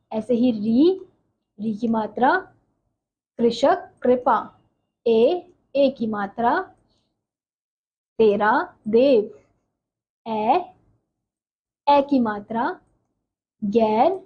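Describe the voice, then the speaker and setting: A woman teaching a Hindi grammar lesson, spelling out letters and example words one at a time and asking rhetorical questions she answers herself. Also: fairly high pitch. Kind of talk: slow explanatory lesson. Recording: slightly dull recording with faint ambient noise.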